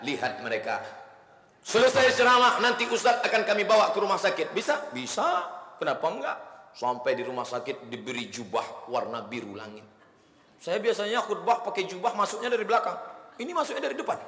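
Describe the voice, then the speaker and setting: A man preaching a sermon in a lively storytelling way, with humor and chanted Arabic phrases. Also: on the high side. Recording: echoey hall.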